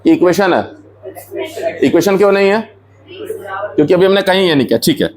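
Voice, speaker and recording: A male lecturer with a somewhat high-pitched voice teaches a classroom full of students. He explains each idea step by step, turns to the class with questions and slips English technical terms into his talk. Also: normal speed, darkish tone. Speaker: engineering lecturer.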